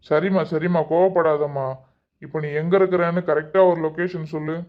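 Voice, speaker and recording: A calm husband in a cartoon who reassures his wife, as a woman plays him. The voice sits fairly low and stays patient and soothing. The recording is dull and lo-fi. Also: a little fast, close to an everyday voice. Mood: reassuring. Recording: dull lo-fi audio.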